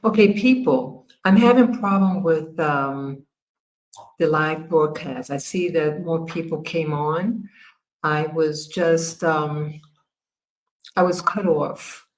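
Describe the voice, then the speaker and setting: An American woman with a low voice hosts a casual livestream. She talks slowly and haltingly, stopping and restarting as she sorts out her screen. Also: poor audio. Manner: halting, many fillers and restarts while working the screen. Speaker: livestream host.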